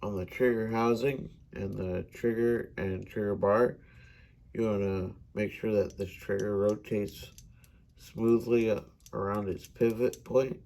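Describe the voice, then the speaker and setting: American man, low gravelly voice, slow, hesitant demonstration. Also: fairly even intonation, darkish tone, slight background noise. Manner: unhurried, hesitant with fillers. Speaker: gunsmithing student. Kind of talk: instructional demonstration.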